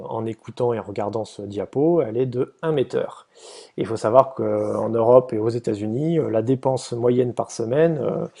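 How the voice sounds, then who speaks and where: Man explaining slides, gravelly and hesitant. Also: mid-range voice, warm tone. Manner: hesitant, many fillers and restarts; casual explanatory tone. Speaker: presenter briefing volunteers.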